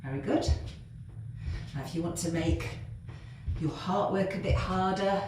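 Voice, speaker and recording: Lady fitness instructor talking thru a workout, low voice, bit breathless, really echoey room. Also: measured pace. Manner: cueing moves while exercising, encouraging. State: getting out of breath. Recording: very echoey room, faint noise.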